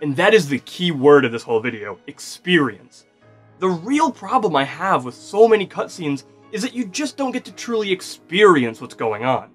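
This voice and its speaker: A man in his 20s, a video essayist, speaks scripted commentary in an emphatic, conversational way from a small studio with acoustic foam. His voice runs on the high side with big pitch swings, a breathy edge and a moderate pace, recorded on a studio microphone over music.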